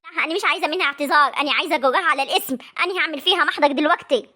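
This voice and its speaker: A combative young Egyptian wife, played by a woman, taunts and complains at breakneck speed. Her voice is very high and bright. She quarrels with her in-laws in a comic family drama. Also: rapid-fire.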